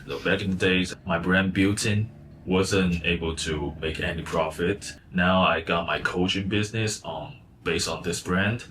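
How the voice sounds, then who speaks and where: A man in his thirties who grew up in Taiwan, a vlogger working as a freelance designer and coach, talks casually and reflectively about freelance life. He's relaxed and rambling, full of fillers and restarts, with a low voice. A little hiss or hum sits in the recording.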